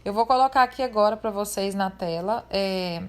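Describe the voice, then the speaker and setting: A woman's voice: mid-range voice, moderate pace. A woman teacher, giving a remote class lesson in a friendly way and explaining step by step.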